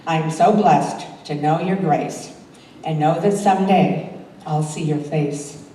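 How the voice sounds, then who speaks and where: Her voice sits low, warm and steady, unhurried as this older woman shares her own poems at a church talent show. An amateur, she introduces and recites them to a live audience, recorded in a very echoey hall by a distant mic with faint noise.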